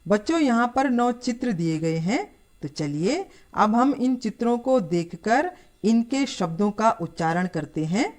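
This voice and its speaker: A woman speaking as a teacher to young pupils, taking each point slowly and with patience. Her voice sits a little high and moves lively through each phrase, falling as she finishes. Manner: slow, patient, addressing children. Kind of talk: scripted lesson.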